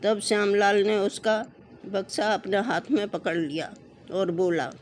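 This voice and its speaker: A woman narrating a folk tale as a storyteller, in a slow, even way with small slips. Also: medium pitch, a little hiss or hum.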